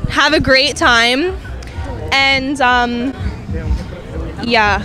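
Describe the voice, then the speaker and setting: A drunken, giggly young woman speaks in a high voice at a slow pace. She is being interviewed outdoors on a handheld mic amid a very loud crowd. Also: over loud music. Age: young adult. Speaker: interviewee on a night out. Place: outdoor club queue at night.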